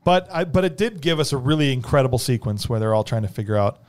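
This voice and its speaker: A man's voice: mid-range voice, expressive, quick pace, a little mellow. A man hosting a casual movie discussion in a conversational, jokey way. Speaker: podcast host.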